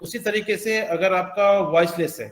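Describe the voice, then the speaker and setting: A man teaching English pronunciation, explaining slowly with many hesitant pauses. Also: high-pitched, reverberant. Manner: slow, halting, many filler pauses. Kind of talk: explanatory classroom lesson.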